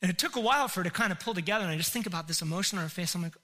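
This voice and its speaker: A middle-aged male pastor tells a story from the pulpit, his voice high for a man and very bright and ringing. He swings between loud, excited bursts and hushed, quiet moments as he acts out the scene. The sound carries a long reverb from a large hall. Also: rapid-fire. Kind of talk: sermon storytelling.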